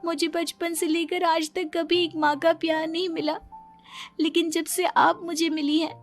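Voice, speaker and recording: A woman's voice: very high voice, flat delivery, moderate pace, soft background music. A woman playing a meek, emotional young daughter-in-law in a cartoon moral story. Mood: grateful.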